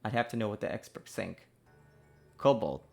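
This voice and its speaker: Soft background music accompanies an indie developer streaming his game work, his lowish, slightly mellow voice carrying vocal fry, lively intonation, and a moderate pace. He chats casually while coding, rambling with many fillers, cursing his code, and blurting confused exclamations.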